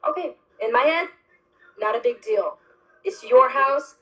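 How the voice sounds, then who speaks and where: A young woman hosting a casual chat, telling a story in an animated, emphatic and heavily profane way. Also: high-pitched, unhurried, low-quality recording. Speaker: host.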